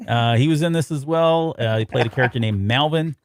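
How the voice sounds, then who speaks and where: A man's voice: mid-range voice, brisk, a little hiss or hum. A man co-hosting a podcast, chatting casually about a novel, laughing often and rambling through memories. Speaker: podcast co-host.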